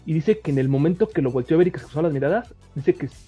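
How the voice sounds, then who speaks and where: A man's voice: fairly high pitch, expressive, racing, warm tone, slightly rough, faint music behind. A man with a Mexican accent, chatting casually and animatedly, teasing and repeating himself. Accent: Mexican Spanish. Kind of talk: casual chat.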